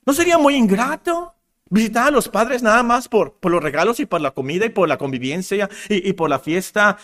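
A man preaching a sermon in earnest, rising and getting louder on key points. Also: sits high, lively intonation, fairly quick. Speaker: pastor.

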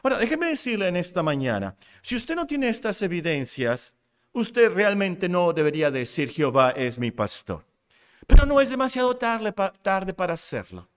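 A man's voice: high voice, sing-song, moderate pace, smooth. A man preaching a sermon to a church congregation, earnest and emphatic, repeating phrases for stress. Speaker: pastor.

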